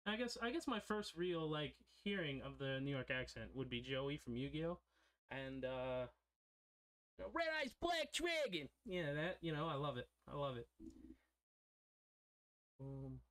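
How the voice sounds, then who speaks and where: A man's voice: mid-range voice, normal speed, a bit bright. A young man streaming while he draws, chatting casually and drifting into side stories. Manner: rambling, digressive storytelling. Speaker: streamer drawing a character.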